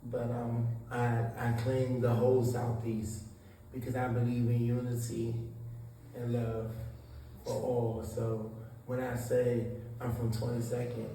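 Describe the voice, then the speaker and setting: Earnest and often restarting mid-thought as he hunts for words, a man from Southeast Washington, D.C. answers an interviewer's questions. His medium-pitched voice is mellow, slow, and completely flat. Faint noise and room echo surround his distant, slightly off-mic voice.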